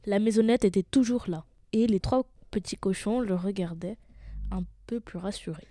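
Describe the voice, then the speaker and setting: A woman reading a fairy tale aloud in an expressive, animated storybook style. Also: mid-range voice, moderate pace, no echo, clean studio sound. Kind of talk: storybook narration.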